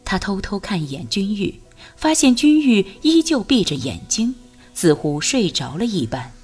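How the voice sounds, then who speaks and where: A woman narrating a martial arts novel as an audiobook, in an expressive storytelling manner. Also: mid-range voice, normal speed, husky, soft background music.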